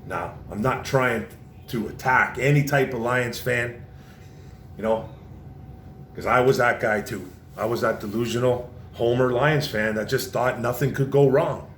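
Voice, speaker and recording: A man's voice: a little slow, a bit bright. Passionate man ranting in an echoey room. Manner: passionate, repetitive, says "man" often. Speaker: vlogger. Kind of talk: casual sports rant. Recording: roomy echo, faint low rumble.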